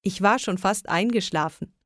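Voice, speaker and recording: A woman reading a children's story aloud in a slow, lilting storybook way. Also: mid-range voice, dry recording, clean studio sound.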